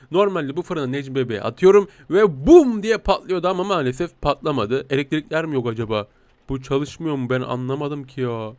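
A man gives teasing, giggly commentary as he plays a game, speaking as a cat. His voice sits high for a man and sounds close and dry. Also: no echo. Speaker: gaming YouTuber playing a talking cat.

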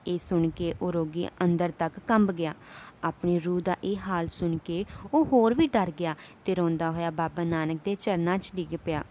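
A woman narrating a religious story in a steady, reverent way. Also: fairly low pitch, normal speed, a little hiss or hum.

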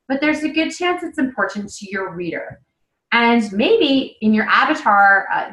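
A woman in her thirties, an author and native English speaker, hosts a casual webinar lesson in a fairly high, fairly bright voice. She's heard through a webcam mic on a video call in an echoey room, speaking loosely with many fillers and restarts.

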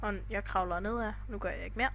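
A woman's voice: mid-range voice, vocal fry, crowd noise. A young woman chatting casually while playing a game with a friend, laughing often. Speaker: channel owner, gamer. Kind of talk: casual gaming chat.

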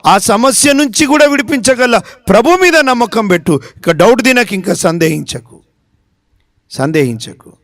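A man's voice: very high-pitched, expressive, moderate pace, fairly bright tone, no room sound. A man with a Telugu accent preaching a sermon, emphatic, repeating phrases and asking his listeners questions. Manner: acts out short prayers and dialogues in his own voice. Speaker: pastor.

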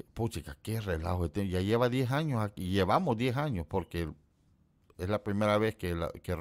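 Running a livestream, this host keeps up a casual conversation with the people watching live. He's talkative, pokes fun at his chat, and mimics others in an exaggerated high-pitched voice when quoting them.

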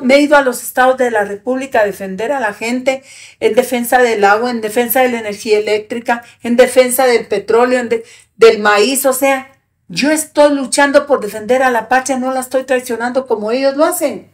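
An octogenarian woman appears as a podcast guest in a small studio with a brick wall and a sofa, speaking close to a stand-mounted mic in front of her. Her voice is on the high side and brisk as she delivers a fiery, indignant, profane rant in heated interview talk.

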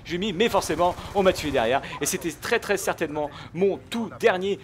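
A man giving live, jokey gameplay commentary, shouting out his kills. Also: high voice, expressive, brisk, slight background noise. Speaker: gaming video host.

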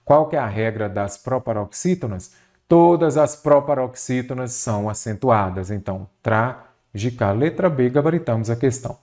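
A man's voice: mid-range voice, animated, moderate pace, a little mellow. A man teaching a Portuguese grammar lesson for exam prep, asking questions and answering them himself.

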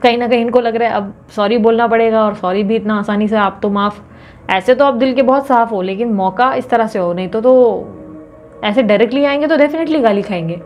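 A woman's voice: a little high, fairly quick, darkish tone, soft background music. A woman reading tarot for her viewers in a chatty, teasing way, often acting out quoted lines. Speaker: tarot reader.

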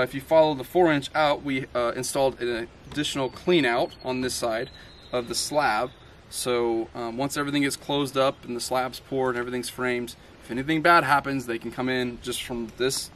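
Relaxed man giving an outdoor DIY walkthrough. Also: mid-range voice, slight background noise. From Tennessee. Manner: relaxed, many ums and uhs, explains step by step. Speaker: DIY home builder. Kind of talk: casual how-to walkthrough. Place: outdoor building site in the country.

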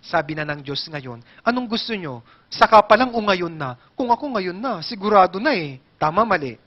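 Filipino male pastor preaching, lively and joking, very high pitch, muffled recording. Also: moderate pace. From Philippines. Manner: animated, jokes with congregation, asks questions. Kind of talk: sermon. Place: church hall.

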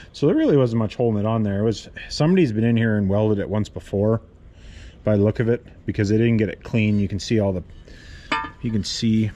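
Working in his cluttered garage workshop, a welder and channel host explains a repair in an easygoing how-to style. He wanders, fixes his own wording as he goes, and speaks plainly, his mellow, lowish voice fairly quick over slight background noise.

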